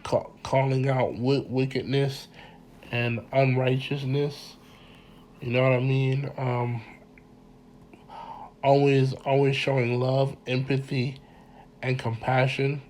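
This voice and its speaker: A man with a congested voice giving an informal mini lecture, halting and repeating words as he speaks earnestly to his listeners. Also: medium pitch, level tone, a little mellow, a little hiss or hum. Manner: earnest, addresses listeners directly. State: congested from a cold.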